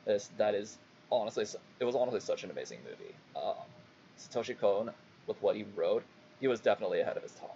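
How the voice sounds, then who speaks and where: Young male VTuber, casual and halting solo stream chat, sweary, muffled lo-fi mic with light noise. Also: on the low side, animated, creaky, mellow. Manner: halting, rambling, frequent swearing. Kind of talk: casual livestream monologue. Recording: dull lo-fi mic, faint background noise.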